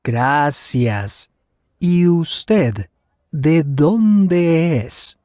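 Playing a polite Canadian traveler practicing Spanish, this male voice actor speaks very slowly in an expressive, darkish voice on the high side. The scripted, friendly learner dialogue has him enunciating each phrase carefully, first slowly and then at normal speed, in a dry, studio-quality recording.

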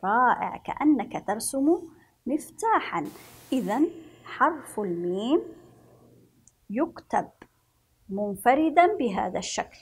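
Slow sing-song teacher woman, breathy. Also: on the high side, big pitch swings. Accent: Yemeni Arabic. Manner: slow, sing-song, encouraging, drawn-out letter sounds. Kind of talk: children's reading lesson.

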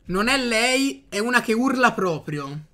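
A man giving casual gameplay commentary, chatting to his viewers with excitable outbursts. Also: very high voice, a little slow. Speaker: gaming youtuber.

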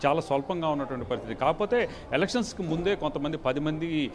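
Halting male reporter over crowd noise. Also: a little high, animated. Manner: halting, many fillers and restarts. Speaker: field reporter. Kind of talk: live news report. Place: council hall with a crowd around. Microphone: handheld mic. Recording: noisy live report with crowd behind.

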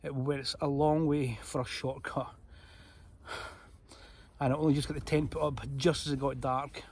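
A man's voice: medium pitch, little pitch movement, normal speed, darkish tone, slightly rough. A middle-aged man talking casually to camera from inside a small tent, easygoing and chatty with lots of ums. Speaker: outdoor vlogger. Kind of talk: casual camping vlog chat. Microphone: handheld camera close to the face.

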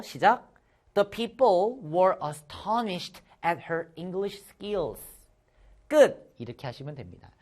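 A man leads an online English vocabulary lesson for middle school students. His pitch jumps around with lively animation as he repeats words and acts out short scenes. His manner stays playful and chatty.

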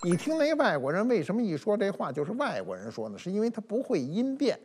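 A man's voice: high voice, huge pitch swings, fast talker, darkish tone, slight background noise. A man giving an explanatory talk-show monologue, teaching by saying example words aloud. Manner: didactic, demonstrates pronunciations aloud. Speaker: cultural commentator. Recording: reverberant room with faint music.

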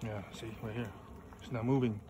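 Speaking a little fast at a medium pitch with little rise or fall, an American man narrates a fishing vlog outdoors. He's loose and slangy, standing on a grassy riverbank. The handheld phone he records on picks up plenty of outdoor noise.

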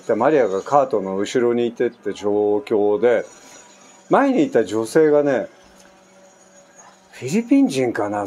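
Animated older man telling a story. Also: mid-range voice. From Japan. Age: 60s. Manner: chatty, animated anecdote telling with frequent asides. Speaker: vlogger. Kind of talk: casual storytelling monologue. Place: at home on an island, construction nearby. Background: faint construction noise.

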